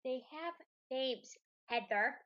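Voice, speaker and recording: Playful woman player, slightly high voice, muffled lo-fi recording. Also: expressive, takes it slowly. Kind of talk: playing a tabletop game. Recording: muffled lo-fi mic.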